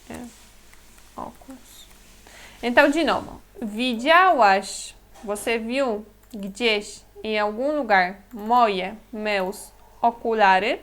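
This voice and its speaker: A woman whose first language is Polish, teaching Polish words in a slow, explanatory lesson, repeating each word carefully and laughing lightly now and then. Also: a little high, fairly bright tone.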